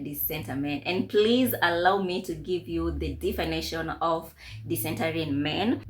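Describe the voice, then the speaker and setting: Woman, late twenties, vlogger; slightly low voice, unhurried advice-giving delivery, faint background hiss. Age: late 20s. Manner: measured, repeats points with "all right?". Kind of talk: casual life-advice vlog.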